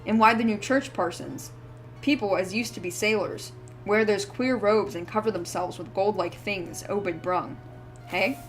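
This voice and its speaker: A woman's voice: medium pitch, measured pace, close to an everyday voice. A woman voicing a wheezy, ranting old drunk man who rambles feverishly in rustic old-timer speech. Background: faint background music.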